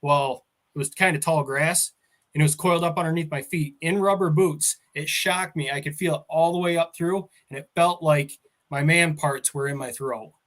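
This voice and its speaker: A man's voice: fairly high pitch, fairly even intonation, normal speed, fairly bright tone. Casual rambling farmer man. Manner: rambling, storytelling, laughs often. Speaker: farmer guest. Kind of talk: casual chat.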